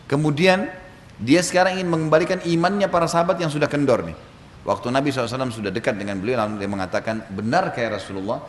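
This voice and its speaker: A male preacher telling a story in a sermon, lively and chuckling, acting out the voices of the people in it. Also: mid-range voice, racing, a little hiss or hum. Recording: echoey hall reverb, faint ambience.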